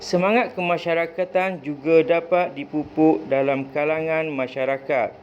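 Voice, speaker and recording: A man reading a kindly middle-aged father's lines from a storybook, in a plain, steady reading voice. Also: on the high side, moderate pace, dull audio, slight background noise, natural voice. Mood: explaining.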